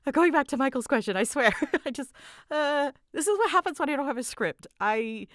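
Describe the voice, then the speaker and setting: This audio creator and voice actor fields listener questions in a casual, unscripted chat, her high voice expressive, brisk and slightly bright. She's nervous and giggles a lot, interrupting herself and scattering between ideas. The studio-quality sound has no echo.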